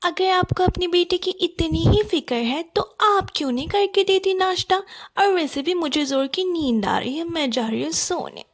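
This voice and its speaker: A woman voicing a lazy, sharp-tongued young wife in a cartoon, cheeky and complaining, always talking back. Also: very high-pitched, expressive, normal speed. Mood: sassy. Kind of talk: cartoon voice acting.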